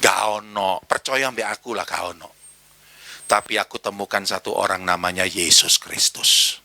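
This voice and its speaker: A man with an East Javanese accent preaching a sermon in church, animated and slipping into Javanese slang while acting out voices. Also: low voice, normal speed, creaky, no room sound. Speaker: pastor.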